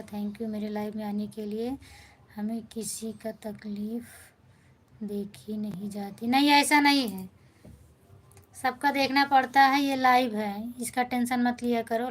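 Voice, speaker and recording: Woman host, live stream chat, higher voice, flat steady delivery, soothing and affectionate with viewers. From India. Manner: affectionate, soothing, addresses viewers as brother and sister. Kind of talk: casual live chat reading comments.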